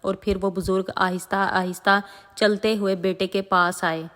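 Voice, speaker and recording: A woman tells a moral religious story in a dramatic, emotive way. Her voice sits at a middle pitch. A long, echoing reverb trails every phrase. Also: level tone, fairly bright tone.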